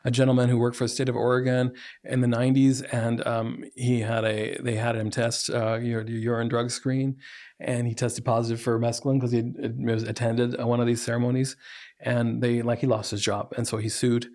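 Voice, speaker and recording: A man's voice: mid-range voice, little pitch movement, a little fast, darkish tone. Explanatory man from Oklahoma. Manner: explanatory, building to emphatic points. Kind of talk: podcast conversation.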